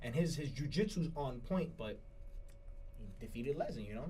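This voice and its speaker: A man's voice: medium pitch, lively intonation, normal speed, a little mellow, slight background noise. A man co-hosting a casual sports talk show, rambling, repeating his words and laughing often. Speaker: co-host. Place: studio.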